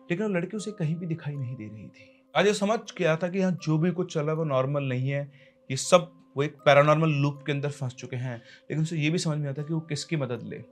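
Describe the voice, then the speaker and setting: A man narrates a ghost story with dramatic swings, rushing ahead in some places and slowing in others. His voice sits a bit high for a man. Faint music hums behind him.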